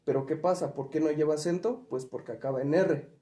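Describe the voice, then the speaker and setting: This man's warm voice sits a little high and moves fairly quickly as he explains spelling rules step by step. He keeps asking questions and giving examples, all captured with a roomy echo.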